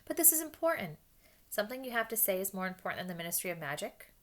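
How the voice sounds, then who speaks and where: A woman's voice: medium pitch, very animated, fast talker, close to an everyday voice. A stern, strict older professor speaks in a cold, clipped way, as a woman reading a storybook aloud puts her on. Her talk stays short and chilly.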